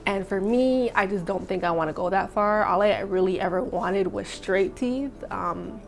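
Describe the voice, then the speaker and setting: A woman's voice: medium pitch, moderate pace, gravelly, soft background music. Chatty young woman talking with braces on. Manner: chatty, upbeat, talks to the camera. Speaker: vlogger. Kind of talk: casual vlog update.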